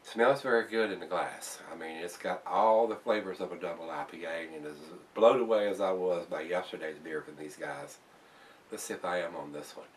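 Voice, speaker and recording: A man's voice: deep voice, normal speed, recorded from a distance. An older man casually reviewing a beer to camera in his home bar, rambling with fillers and restarts. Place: home bar room, indoors.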